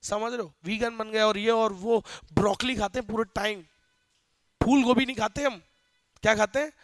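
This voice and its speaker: Lively Hindi-speaking male teacher. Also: high-pitched, moderate pace, no room sound. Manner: animated, asks students questions, jokes. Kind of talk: classroom lecture.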